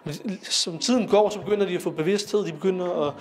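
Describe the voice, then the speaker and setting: A young man giving an informal lecture to young people, talking conversationally with fillers and asking his listeners questions. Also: high voice. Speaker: lecturer on Sikh philosophy.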